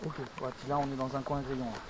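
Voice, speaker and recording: A man on a paranormal investigation in a forest near a stream, speaking calmly and addressing spirits directly. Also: medium pitch, fast talker, a little hiss or hum, poor audio. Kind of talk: casual on-location commentary. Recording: outdoor field recording with crickets.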